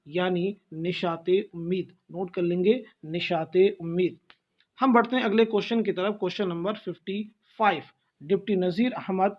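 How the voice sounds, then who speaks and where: A man's voice: high-pitched, lo-fi sound. A male teacher running an exam-prep lesson, reading out quiz questions and repeating the key answers.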